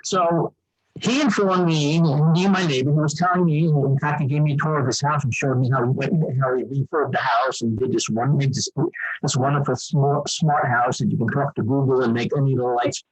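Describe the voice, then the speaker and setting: An older man giving public comment at a town meeting over a remote call, his audio muffled as if underwater, halting with many fillers. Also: mid-range voice, steady tone. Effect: muffled underwater-sounding audio. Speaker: resident speaking at a town meeting.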